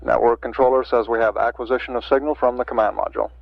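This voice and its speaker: A man giving matter-of-fact mission status announcements over a crackly, breaking-up radio link, with a gravelly voice. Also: mid-range voice, steady tone, fast talker. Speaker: mission control commentator. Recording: dull lo-fi archival radio with faint hiss.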